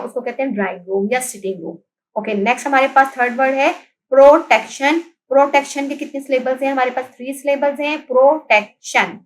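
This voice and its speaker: A woman's voice: sits high, poor audio. A young woman teaching a lesson, patiently spelling words out letter by letter, repeating them and mixing in English terms. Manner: mixes English terms into explanations. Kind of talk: classroom lesson recorded as video.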